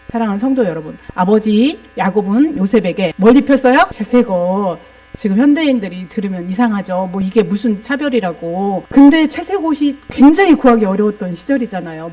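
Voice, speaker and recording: A woman's voice: mid-range voice, mellow. A woman preaching a sermon that mixes in psychology teaching, explaining patiently and often asking the congregation rhetorical questions.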